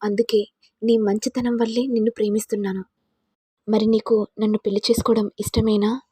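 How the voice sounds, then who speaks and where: A woman's voice: medium pitch, level tone, brisk, mellow, breathy edge, dry recording, studio quality, lightly acted. A woman voicing a polite young male lecturer who speaks earnestly.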